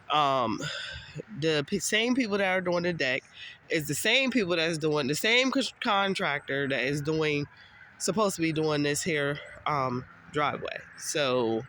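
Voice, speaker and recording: A woman's voice: low voice, fairly bright tone, a little hiss or hum. A woman with a congested voice, talking casually to camera in a rambling, exasperated family vlog, outdoors. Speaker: family vlogger.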